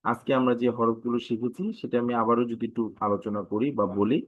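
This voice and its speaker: A man teaching Quran Arabic letters in an online live class, speaking with a Bangladeshi Bengali accent and drilling each sound by repeating it slowly. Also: medium pitch, little pitch movement, no echo, narrow, tinny audio. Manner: stretches out the letter names when modelling them.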